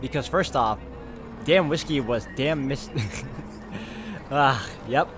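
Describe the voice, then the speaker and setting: A gaming video host plays through a visual novel, reading the narration aloud informally and expressively, with casual asides and the odd stumble. His voice is medium-pitched and slow, with background noise present.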